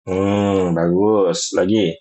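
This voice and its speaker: In an online class, a man teaches Quran recitation, patiently correcting his students and drawing words out slowly to demonstrate. His voice is low and mellow, with fairly even intonation.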